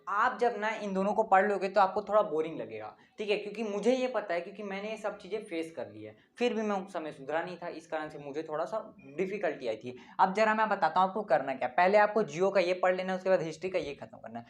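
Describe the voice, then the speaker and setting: A young man, a tutor laying out an exam study plan in a casual lesson. He talks bluntly and teasingly, asking rhetorical questions and repeating the answers. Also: sits high.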